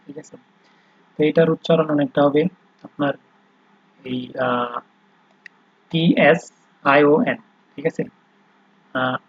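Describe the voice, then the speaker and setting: A man teaching German pronunciation in an online class, explaining slowly and patiently with frequent fillers. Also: medium pitch, slightly rough, dry recording, highs cut off.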